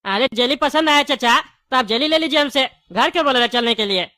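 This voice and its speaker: A talkative candy-shop owner who argues and laughs easily, played by a woman in a high, bright voice. The delivery is a light comedy-skit performance. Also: a little fast, dry recording, clean studio sound. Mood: chatty. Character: chatty male shopkeeper selling cheap candy. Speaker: comic skit actor.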